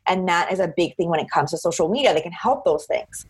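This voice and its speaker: Chatty woman, slightly husky. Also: lowish voice, lively intonation, fast talker. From Cape Breton, Canada. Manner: chatty, outgoing, emphatic with repeated phrasing. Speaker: interview guest, social media marketer. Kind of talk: conversational interview.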